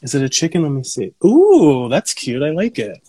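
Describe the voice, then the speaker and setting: A man co-hosting a casual chat on an Instagram live, animated and jokey, talking over a video call. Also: on the high side, moderate pace, a little hiss or hum, low-quality recording. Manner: animated, jokey, lots of fillers. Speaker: podcast co-host.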